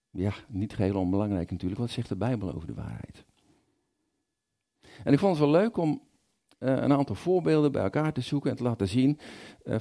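A man's voice: mid-range voice, dark tone. A man giving a conversational sermon, informal and thinking aloud, often repeating words as he goes. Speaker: preacher.

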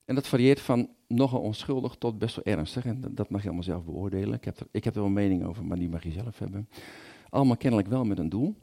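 A man's voice: fairly low pitch, fast, creaky, few pauses, mellow. A man giving a conversational sermon, informal and thinking aloud, often repeating words as he goes. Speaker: preacher.

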